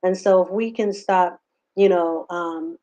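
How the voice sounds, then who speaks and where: A woman's voice: fairly low pitch, steady tone, unhurried, warm tone. A woman counselor giving earnest advice, talking with many fillers and restarts. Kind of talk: advice talk to camera. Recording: slightly dull lo-fi sound.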